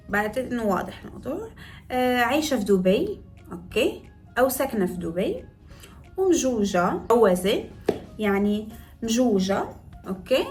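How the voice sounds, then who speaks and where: High-voiced young woman vlogging, quick and teasing, faint music under. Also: darkish tone. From Morocco (Tetouan, north). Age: 20s. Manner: playful, laughing, teasing viewers. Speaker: beauty vlogger. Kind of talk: chatty vlog, teaching phrases.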